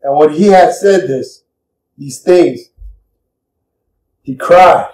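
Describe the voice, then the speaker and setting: Male preacher, fervent and repetitive, mellow voice, mic a little far off. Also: fairly high pitch, slow, reverberant. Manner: impassioned, repetitive, emotional. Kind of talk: sermon.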